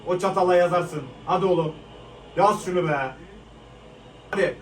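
Young man, live match reaction, frustrated, swearing, fairly high voice, echoey room, away from mic. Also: moderate pace, distant mic, a little hiss or hum. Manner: frustrated, swearing, shouting at players.

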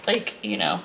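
A homestead vlogger in her thirties from Alaska chats casually while cooking in her home kitchen, explaining each step to the camera in a cook-along vlog. The camera is handheld or mounted and moves around, and the noisy background carries clear clattering of pots, dishes and cutlery.

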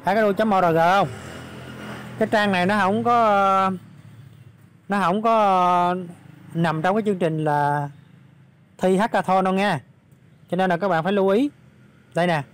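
A slightly hoarse man, talking viewers through updates in a casual, filler-heavy vlog. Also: sits high, moderate pace, pauses often. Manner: chatty, many fillers, addresses viewers directly. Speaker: crypto channel host. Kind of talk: casual screen walkthrough vlog.

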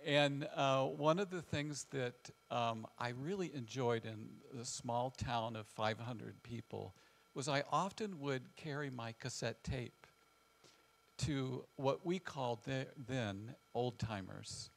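In a big wooden-floored church hall, an older guest speaker who works as a family counselor shares personal stories with a small seated audience. He comes from west central Illinois, and his gravelly, medium-pitched voice carries a Midwestern accent as he talks in a halting, reflective manner with frequent pauses. The recording quality is low.

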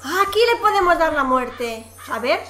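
A woman's voice: high voice, animated, moderate pace. A woman from commentating her game with teasing humor and frequent laughter. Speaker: gaming youtuber. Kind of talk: excited gameplay commentary. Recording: echoey room with noise.

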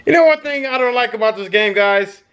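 A middle-aged man giving casual gameplay commentary into a headset mic, breaking into excited shouts and yelps. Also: extremely high pitch, fairly quick, smooth. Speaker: gaming YouTuber. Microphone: gaming headset.

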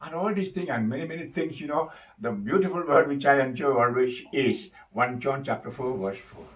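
Animated preaching priest, a bit off-mic. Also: male voice, medium pitch, fairly quick, distant mic, slight background noise, poor audio. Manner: animated, emphatic preaching with many fillers. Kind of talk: sermon.

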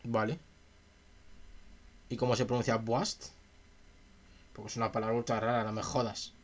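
On a laid-back livestream, a man with a mid-range voice and little pitch movement reads from a philosophy text at a moderate pace. After each passage he chats and wonders aloud with his viewers, asking questions as he goes.

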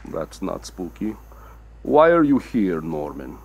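A man's voice: deep voice, big pitch swings, slow pace, vocal fry, darkish tone, heavily acted. A man voicing a campy Dracula who hosts a dating game show in a comedy animation, flirty, teasing and full of puns. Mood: unimpressed. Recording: noisy, with crowd sounds behind.

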